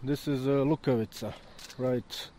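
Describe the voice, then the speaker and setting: Mellow man explaining outdoors. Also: mid-range voice, steady tone, unhurried. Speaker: local guide. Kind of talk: casual explanatory talk. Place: outdoors in a town street. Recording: faint outdoor street and traffic noise.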